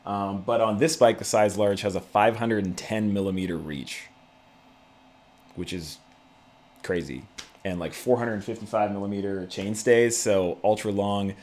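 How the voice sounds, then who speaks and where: Laid-back, low-voiced man chatting on a livestream. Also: steady tone, measured pace, a little mellow, a little hiss or hum. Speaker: YouTube channel host. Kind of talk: casual livestream chat with viewers.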